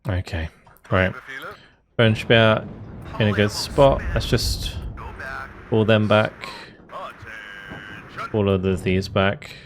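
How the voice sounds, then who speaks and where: A man with a low voice commentates casually over a war strategy game. He thinks aloud as he makes tactical calls, with clear vehicle and battle noise running behind him. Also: steady tone, slow, long pauses. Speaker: gaming video host.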